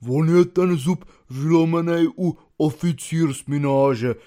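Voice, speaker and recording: A man voicing a clumsy, hungry soldier who gives a halting, stammering report. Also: fairly high pitch, dark tone, natural voice. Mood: earnest, flustered. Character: clumsy, hungry male soldier, an officer's servant.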